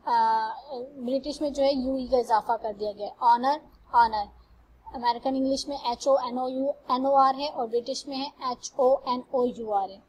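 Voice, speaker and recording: A woman teaching English grammar, reading example sentences slowly and carefully before translating them. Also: high-pitched, darkish tone, a little hiss or hum, rough recording. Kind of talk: classroom lecture.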